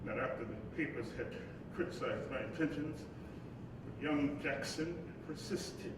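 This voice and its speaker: A male actor with a natural, slow-paced voice plays an embattled civil rights leader in a live staged play reading, moving between dramatic monologue and dialogue. He sounds troubled and reflective, oratorical and emphatic, and stammers when distressed. The echoey hall, distant mic and rumbling noise make it sound live.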